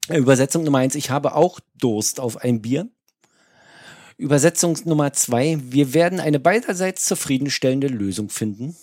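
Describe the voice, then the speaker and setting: A man co-hosting a podcast in casual chat, joking around and haltingly reading out dialect words. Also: medium pitch, expressive, darkish tone, dry recording, clean studio sound. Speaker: podcast co-host.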